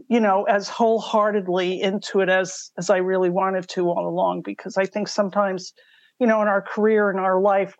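A woman's voice: medium pitch, dry recording, muffled recording. An older woman telling her story conversationally as a podcast interview guest. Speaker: podcast guest, mystery writer.

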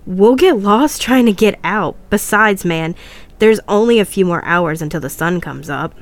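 A woman's voice: fairly low pitch, moderate pace, natural voice. A woman voicing a frightened young man camping in haunted woods, tense and urgent. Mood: nervous.

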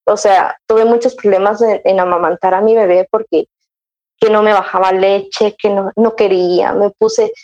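A woman's voice: mid-range voice, steady tone, normal speed, a little mellow, dull audio. A young woman, telling her story in casual chat, acting out her own past words with many restarts. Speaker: guest sharing her motherhood story.

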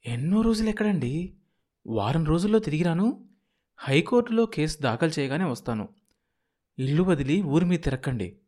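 A man's voice: fairly high pitch, sing-song, normal speed, pauses often, darkish tone, pitched above the performer's own voice. A man voicing an anxious middle-aged village wife who coaxes and snaps at her husband in a storybook reading. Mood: pleading.

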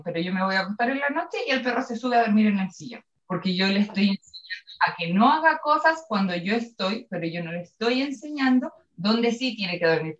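A woman with a Chilean accent, explaining dog training in a podcast chat and acting out examples of owners scolding their dogs. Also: medium pitch. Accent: Chilean Spanish. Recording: echoey room, dull sound.

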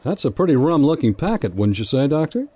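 Eager, seasoned sailor-officer male actor, period maritime audio drama, very expressive intonation. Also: fairly high pitch, a little fast, breathy edge, dry recording. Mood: keen, intrigued. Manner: salty nautical talk, keenly observant.

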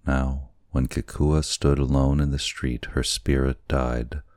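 A man narrating a classic story as an audiobook, in a measured, deliberate reading. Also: rumbling low, flat delivery, a little mellow, no echo, studio quality.

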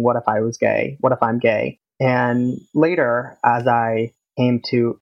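A man, a podcast panel guest, explaining his background in a measured way. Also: mid-range voice, vocal fry, lo-fi sound. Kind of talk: personal story in a podcast panel.

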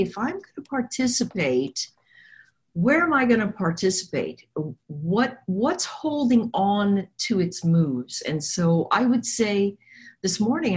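A woman with a hoarse, froggy smoker's rasp gives conversational market commentary, rambling and thinking aloud as she goes. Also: medium pitch, darkish tone. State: hoarse from coughing. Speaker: trader and technical analyst guest.

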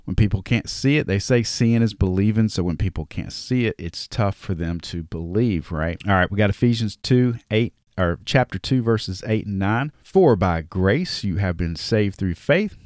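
A man's voice: fairly low pitch, expressive, moderate pace, few pauses, darkish tone, dry recording, studio quality. A man with a Southern US accent, a podcast host talking casually through Bible verses and reading scripture aloud. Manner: conversational, reads scripture aloud with restarts. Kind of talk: casual Bible study talk.

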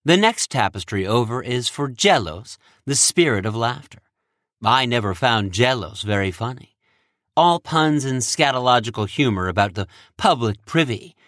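A man's voice: medium pitch, expressive, moderate pace, fairly bright tone, dry recording, studio quality, natural voice. A man voicing an earnest female weaver of fates who speaks politely and plainly to her lord.

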